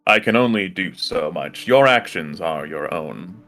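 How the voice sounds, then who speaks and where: A man voicing a solemn, fatherly god in a tabletop game, speaking gravely and formally. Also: sits low, expressive, unhurried, bright, forceful tone, pitched below the performer's own voice, heavily acted. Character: solemn otherworldly god, fatherly, to a cursed elf.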